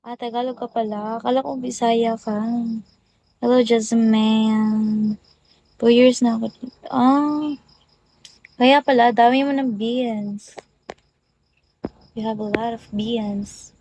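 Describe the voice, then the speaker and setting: Woman livestream host, slow unhurried talk, gravelly voice, faint crickets behind. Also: fairly high pitch, fairly even intonation, warm tone, slight background noise, rough recording. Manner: chatty, rattles off viewer greetings. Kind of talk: casual livestream chat greeting viewers.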